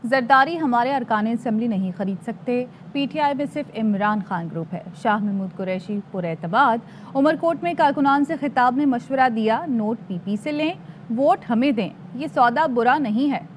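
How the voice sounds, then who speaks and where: A woman's voice: on the high side, normal speed, slight background noise. Woman reading the evening news. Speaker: news anchor.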